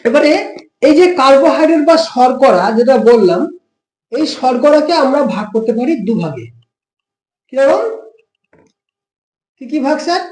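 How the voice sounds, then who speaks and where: A high-pitched man with a West Bengal accent teaches a lesson, working through each point with rhetorical questions to his students. His voice rings out in an echoey room. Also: expressive, moderate pace, pauses often, darkish tone. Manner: explains step by step with frequent rhetorical questions. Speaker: tutor. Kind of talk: classroom lesson explanation.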